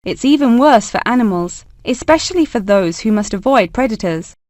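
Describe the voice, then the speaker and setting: A woman playing a composed lecturer, giving a formal scripted academic lecture with clear phrasing. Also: a little high, lively intonation, moderate pace, a little mellow, no echo, lightly acted. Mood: informative, composed. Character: female lecturer addressing students, informative and composed. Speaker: lecturer in a listening test.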